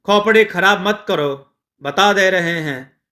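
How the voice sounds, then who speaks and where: A man voicing rough village men who threaten a stingy moneylender, in a gruff, bullying manner. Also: sits high, slow pace, sharp tone, full character voice.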